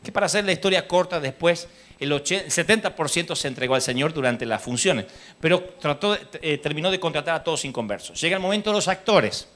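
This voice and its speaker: A man's voice: fairly high pitch, fast. A man with a Rioplatense Spanish accent preaching a humorous sermon at a live church conference, telling stories and acting out the dialogue. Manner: animated storytelling, acts out dialogue.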